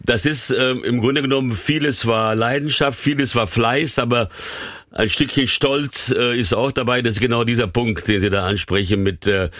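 A man's voice: medium pitch, steady tone, normal speed, a bit bright, no room sound. An older man who grew up speaking Hungarian and Portuguese, with a Hessian accent, recalling his career as a sports journalist in a radio interview, thoughtful and hesitant with many fillers.

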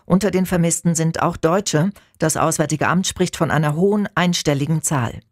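A woman reading a radio news bulletin in a calm, measured, formal way from a studio. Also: deep voice, no echo. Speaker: newsreader. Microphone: studio microphone.

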